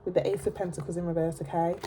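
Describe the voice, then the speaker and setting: A woman's voice: lowish voice, flat delivery, very fast, warm tone, a little hiss or hum. A woman with a blocked nose giving a casual tarot reading to camera, chatty and emphatic, often checking in with "okay?". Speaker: tarot reader.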